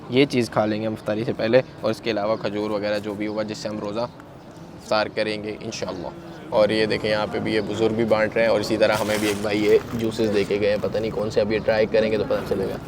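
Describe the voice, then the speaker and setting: Talking fast in a lowish monotone, a travel vlogger with a sore throat narrates handheld footage, addressing his audience as brother while he walks and shows things. He moves between the outdoors and a large, busy mosque extension, and his phone picks up plenty of outdoor noise.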